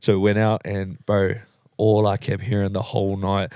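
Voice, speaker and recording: A young man hosting a podcast, telling a story in a casual, animated way, laughing often and swearing freely. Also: fairly low pitch, moderate pace, no room sound, studio quality. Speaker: podcast host.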